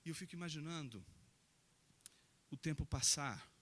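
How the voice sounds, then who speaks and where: A middle-aged man preaching a sermon with passion, rising to loud emphatic peaks and acting out bits of dialogue. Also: fairly high pitch, normal speed.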